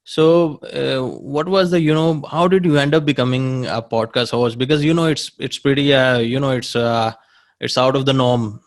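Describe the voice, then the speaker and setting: A man hosting a podcast interview, casual and halting, often repeating his words. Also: mid-range voice, fairly even intonation. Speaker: podcast host.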